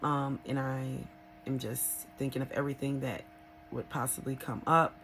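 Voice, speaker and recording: Woman just chatting to her vlog, candid n kinda rambly, pauses to think, bit of background noise. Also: a bass voice, flat delivery, a bit bright, low-quality recording. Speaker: vlogger sharing a recovery experience. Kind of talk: casual, unscripted personal vlog talk.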